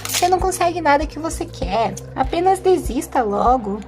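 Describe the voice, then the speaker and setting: Lady doing a discouraging inner voice, flat scornful orders, high voice. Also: normal speed, over music. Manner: dismissive, flat commands. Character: discouraging female inner voice, cold. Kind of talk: acted play lines, retold.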